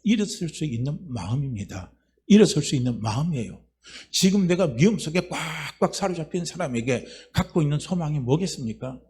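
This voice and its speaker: A male pastor giving a Sunday sermon in a slightly husky voice, repeating phrases and building to loud, emphatic climaxes. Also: on the high side, expressive, a little fast.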